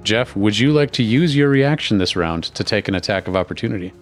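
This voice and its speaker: A man's voice: on the low side, animated, fairly quick, faint music behind. A man in his forties from Milwaukee with an American accent, running a tabletop game as host and game master in a rambling, sweary, casual way. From Milwaukee, USA.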